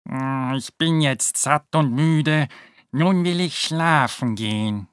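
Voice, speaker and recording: A woman doing a slow, pleading frog. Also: low voice, smooth, dry recording, studio quality. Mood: contented. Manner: drawn-out, pleading speech. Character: small pleading male frog, slow and plaintive. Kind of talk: storybook reading.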